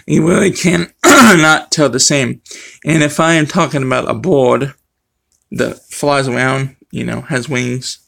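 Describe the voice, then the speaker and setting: A middle-aged man with a speech impediment that blurs his R and W sounds, talking casually and haltingly to the camera. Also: mid-range voice, creaky, sharp tone. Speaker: vlogger. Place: small room at home. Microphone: webcam or phone close to face.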